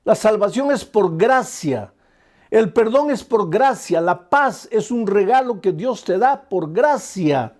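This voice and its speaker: A man's voice: high-pitched, animated, slow, a little mellow. A male pastor delivering an earnest, pleading sermon full of repeated phrases.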